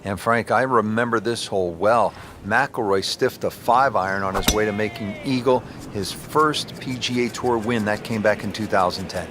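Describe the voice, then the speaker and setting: A man doing play-by-play golf commentary as a broadcast announcer, with a polished, measured delivery. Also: fairly low pitch, noisy background, lightly acted. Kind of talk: scripted sports commentary. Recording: loud music and crowd behind. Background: music and golf crowd.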